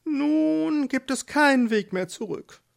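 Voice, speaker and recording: High-voiced proverb-quoting storybook mole, as a narrator puts him on. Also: animated, slow, creaky, heavily acted. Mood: grave. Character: wise old mole who speaks in sayings. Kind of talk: storybook reading.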